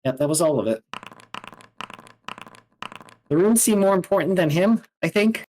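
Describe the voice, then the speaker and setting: A tabletop game player chatting playfully and offering quick suggestions. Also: medium pitch, animated, darkish tone. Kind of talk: casual tabletop play.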